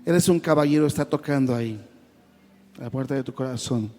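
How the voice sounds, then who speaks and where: A man's voice: mid-range voice, a little fast, mellow, a little hiss or hum. A man giving an emotional church testimony, stumbling over repeated words and calling listeners brother. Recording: long hall reverb.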